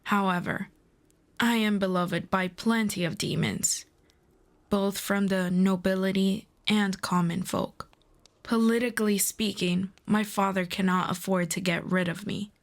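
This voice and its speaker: A woman playing a proud, earnest demon princess in a fantasy audio roleplay, speaking in a formal, deliberate, persuasive way. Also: medium pitch, fairly even intonation, lightly acted. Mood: measured, reasoning.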